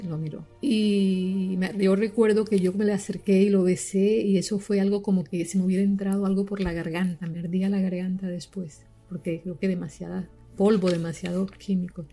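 Older woman telling her story, dark mellow voice, stops and restarts a lot, soft music underneath. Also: lowish voice, level tone. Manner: halting, with many restarts and repetitions. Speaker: victim's daughter giving testimony. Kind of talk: emotional personal testimony.

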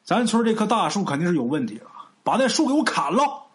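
A man voicing a blustering, foul-mouthed middle-aged village chief, shouting and cursing. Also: sits high, very animated, quick pace, pitched above the performer's own voice.

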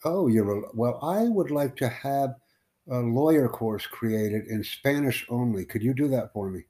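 A man from the United States hosting a live stream, chatting casually with strangers in a rambling, halting way full of fillers. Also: mid-range voice, lively intonation, dark tone. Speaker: livestream host.

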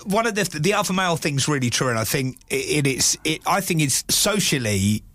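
A man's voice: a little high, very animated, brisk, fairly bright tone, no echo. A man hosting a podcast in a reflective, casual chat, asking questions to steer the talk. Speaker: podcast host.

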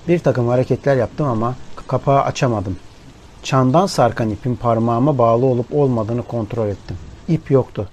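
Male audiobook narrator, mid-pitched, grave and measured, rain and thunder running under the read. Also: background noise. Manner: measured, grave first-person storytelling. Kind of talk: scripted literary narration. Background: rain and thunderstorm sound bed.

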